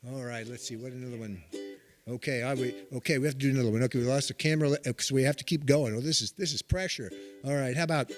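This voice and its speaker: A man hosting a church live stream, chatting casually between sing-along songs in a hurried, rambling way with many restarts. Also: mid-range voice, steady tone, faint music behind. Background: his own ukulele.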